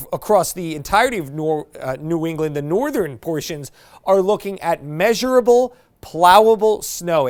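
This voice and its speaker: A man presenting a TV weather forecast in a chatty, folksy way with casual asides. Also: sits high. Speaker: meteorologist.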